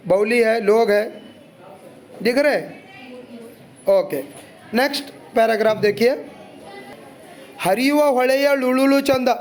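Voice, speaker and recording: A man teaches a poem to his students in a very high voice. He walks through it line by line, chatty and loose, and breaks off for side remarks. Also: darkish tone. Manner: chatty, explains line by line with asides.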